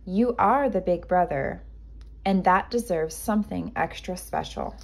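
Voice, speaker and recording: Gentle raccoon mom for a picture book female reader, reassuring, slow-paced and patient. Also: fairly low pitch, creaky. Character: gentle, loving mother raccoon. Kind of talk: children's storybook read-aloud.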